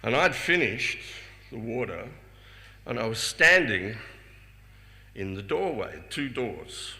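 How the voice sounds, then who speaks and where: An older man telling personal anecdotes to a festival audience, chuckling often and stumbling over repeated words when he gets excited. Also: medium pitch, slow. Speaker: speaker sharing personal memories. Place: festival hall before a live audience. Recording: reverberant hall with faint ambient noise.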